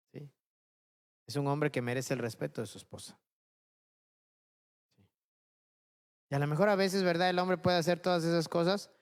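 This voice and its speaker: Pastor preaching with constant questions. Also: male voice, fairly high pitch. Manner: keeps checking in with listeners, asking rhetorical questions. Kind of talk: sermon.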